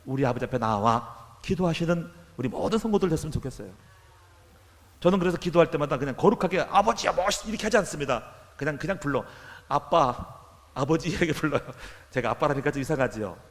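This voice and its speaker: An older man delivers an emphatic sermon from the pulpit. His pitch sits high and leaps around. A long reverb trails his words through the church hall. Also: animated, fast talker. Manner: emphatic preaching, leads congregation in repeated declarations. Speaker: pastor. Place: church sanctuary.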